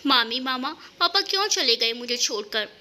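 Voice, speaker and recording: A woman's voice: high-pitched, expressive, moderate pace, bright, forceful tone, pitched below the performer's own voice, heavily acted. A woman voicing a grieving young bride in a storybook reading, speaking sharply and reproachfully. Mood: tearful.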